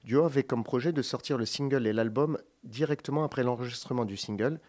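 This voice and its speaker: A man co-hosting a radio music show, reading long lists of names with joking asides and quick self-corrections. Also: medium pitch, darkish tone. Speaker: radio co-host presenting a music segment. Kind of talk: casual radio chat.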